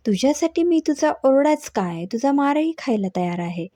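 A woman's voice: sits high, big pitch swings, moderate pace, mellow, dry recording, studio quality, pitched above the performer's own voice. A woman voicing a nervous, playful young woman who fakes innocence and pleads sheepishly in a storybook reading. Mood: devoted.

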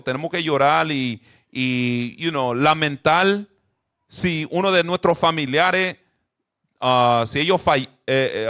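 Animated man leading a Bible class. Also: fairly high pitch. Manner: keeps checking in with listeners; drops English fillers into Spanish. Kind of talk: interactive bible lesson.

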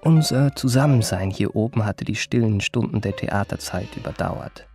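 Suave young Felix Krull, music behind. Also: male voice, lowish voice, moderate pace, vocal fry, a little mellow. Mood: polished, composed. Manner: polished, courteous, composed. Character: suave, self-possessed young male confidence trickster recounting his memoirs. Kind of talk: literary first-person narration in a radio play.

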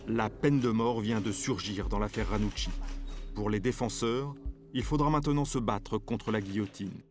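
A man narrating a documentary in a measured, steady storytelling voice. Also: fairly low pitch. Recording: voice-over over loud guitar music.

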